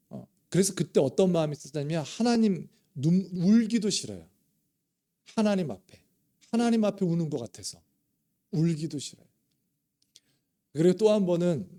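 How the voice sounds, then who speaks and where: A man's voice: on the high side, dark tone. A middle-aged male pastor delivering a sermon, acting out quoted prayers with mounting feeling. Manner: emotive, dramatizing quoted prayers with rising intensity.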